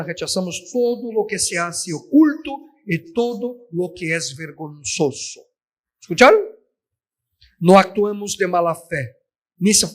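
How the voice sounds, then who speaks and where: Male preacher, high voice, emphatic sermon delivery. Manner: emphatic, addresses listeners as "queridos". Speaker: pastor.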